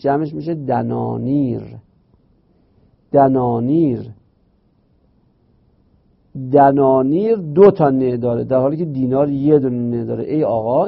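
A man's voice: medium pitch, gravelly. A man teaching a grammar lesson, explaining step by step and asking and answering his own questions. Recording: dull lo-fi recording.

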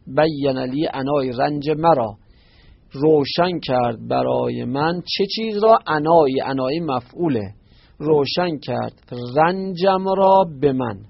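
A man teaching a class, explaining a poem slowly word by word. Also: mid-range voice, creaky, husky, dry recording. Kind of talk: classroom lecture on translating Arabic poetry. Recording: dull lo-fi recording.

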